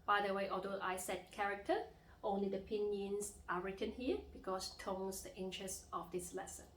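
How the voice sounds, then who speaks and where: A woman's voice: mid-range voice, fairly even intonation, normal speed, echoey room, a little hiss or hum. A woman teaching Mandarin tones in a lesson, patiently drawing out each demonstrated phrase. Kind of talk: language lesson with slow drilled phrases.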